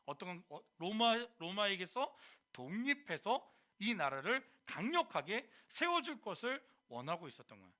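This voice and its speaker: A man preaching to a high school youth group, animated, quizzing the listeners and slipping into casual speech. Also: moderate pace, few pauses.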